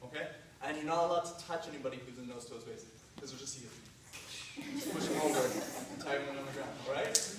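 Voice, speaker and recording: A man's voice: medium pitch, quick pace, long pauses. Upbeat guy teaching a tag game, heard from far off in a big echoey gym. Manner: upbeat, playful, laughing often while giving instructions. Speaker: workshop leader. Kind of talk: teaching a group game in a workshop. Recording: distant mic, echoey gym with noise.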